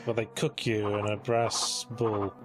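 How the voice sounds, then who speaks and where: A man's voice: lowish voice, level tone, measured pace, over music. A man giving casual gaming commentary, sardonic and profane, riffing dryly on what is on screen.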